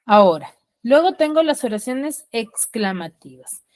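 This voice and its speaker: Woman schoolteacher teaching online, a touch high-pitched, dry sound, patient and explanatory, acts out her example lines. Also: very animated, a little mellow, dry recording. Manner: explains patiently, tags sentences with quick checking questions; reads example sentences with acted feeling. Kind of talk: online class lesson. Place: online class from home.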